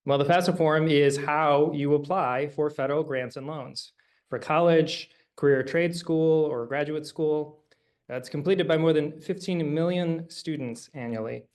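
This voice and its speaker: A man's voice: on the high side, unhurried, a little mellow. A man in his forties giving a conference presentation as a designer, earnest and emphatic, with some fillers. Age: 40s.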